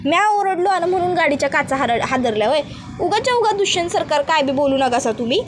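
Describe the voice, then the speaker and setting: A woman's voice: high-pitched, lively intonation, quick pace, slight background noise. Krishna, a woman doing a blunt rustic village wife. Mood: scolding. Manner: blunt, chattering, loud.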